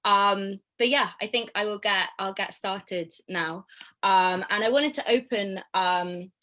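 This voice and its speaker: A woman's voice: medium pitch, unhurried, bright, forceful tone. A woman hosting an online panel discussion over a video call, speaking with frequent ums in a friendly, organized way. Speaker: host.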